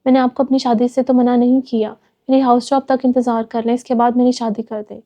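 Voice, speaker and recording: Woman reading a firm young woman, higher voice, narrow flat melody. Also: close to an everyday voice. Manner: firm, insistent. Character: defiant young woman, a medical student.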